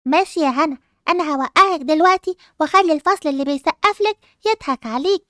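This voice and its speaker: A woman's voice: sits high, fairly bright tone, no room sound, studio quality. A woman doing a spiteful schoolgirl in Egyptian Arabic. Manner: whiny, defiant, rapid. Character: spiteful spoiled schoolgirl, jealous and vengeful. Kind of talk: amateur role-play dub.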